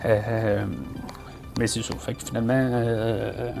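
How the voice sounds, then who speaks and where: A man's voice: medium pitch, flat delivery, slow pace, vocal fry, over music. A man with a Québécois French accent hosting a podcast, reviewing a film in casual talk, full of fillers and restarts. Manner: hesitant, many fillers and restarts. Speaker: podcast host.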